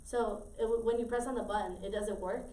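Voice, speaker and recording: A woman's voice: medium pitch, steady tone, fairly quick, warm tone. Rambling teen girl telling a story. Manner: rambling, many fillers and repeats. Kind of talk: casual storytelling among friends. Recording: roomy, far from mic, faint noise.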